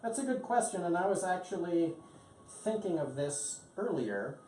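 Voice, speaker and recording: A low-pitched American woman leads an English class, encouraging her students with plenty of ums. She sounds a bit far from the mic, in an echoey room with a faint hum behind her. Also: big pitch swings, normal speed, dark tone. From United States. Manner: encouraging, lots of um and mm-hmm. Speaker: English teacher hosting a live lesson. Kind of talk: interactive language lesson.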